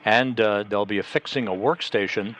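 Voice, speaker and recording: A low-pitched American man delivers live mission commentary. He is formal and measured, pausing often to hesitate, with a faint layer of noise behind him. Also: a bit bright.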